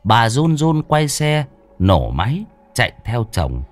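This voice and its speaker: A man's voice: medium pitch, wildly swooping pitch, slow, faint music behind. A man narrating a horror story in a dramatic, vivid storytelling manner.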